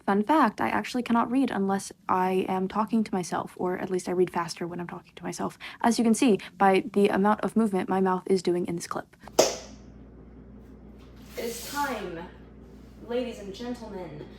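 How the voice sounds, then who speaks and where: A sick teenage girl chats casually and rambles to the camera in a home vlog, sounding chatty and self-deprecating. Her mid-range voice moves at a normal speed and is picked up from a distance, off mic, in an echoey room with faint noise.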